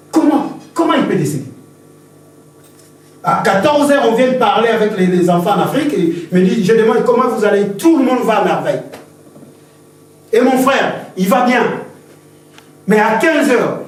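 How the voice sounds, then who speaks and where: A man's voice: high-pitched, a little mellow. A man preaching a sermon as pastor, impassioned and repetitive, telling stories to the congregation. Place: church hall. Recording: very echoey church hall, distant mic.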